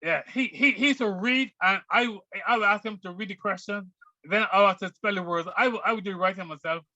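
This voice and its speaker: Middle-aged man from Barbados, halting interviewee, bright voice, dull lo-fi audio. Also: high voice, dry recording. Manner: hesitant, halting with many restarts. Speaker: guest. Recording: dull lo-fi sound.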